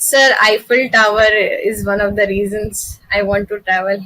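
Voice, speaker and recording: Young indian woman in a job interview, candidate answering formally, sharp bright voice. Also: mid-range voice, steady tone, moderate pace, poor audio. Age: young adult.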